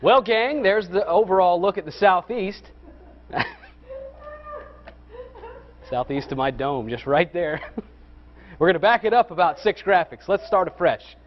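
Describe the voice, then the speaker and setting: Giggling male weather presenter, fairly high voice. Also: expressive, unhurried, pauses often, muffled recording. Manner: stifling giggles, chuckling through his words. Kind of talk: live ad-libbed forecast.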